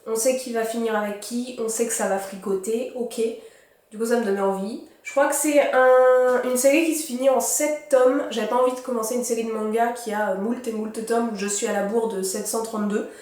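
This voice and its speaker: A woman's voice: fairly high pitch, steady tone, fairly quick, a little mellow. A young woman in her twenties, a student, chatting casually and rambling through a book haul with many fillers. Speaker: book vlogger. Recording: echoey room.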